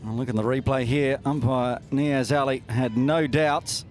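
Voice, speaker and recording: A man co-commentating on a cricket match, calmly adding statistics and replay analysis. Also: medium pitch, a little hiss or hum. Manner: measured, citing past statistics. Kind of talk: live sports analysis.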